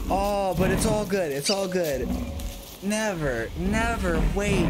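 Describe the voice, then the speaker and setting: A man streaming a survival game late at night, commenting to himself in a jokey, excitable way. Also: high voice, very noisy. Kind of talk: casual gameplay commentary. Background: loud game music.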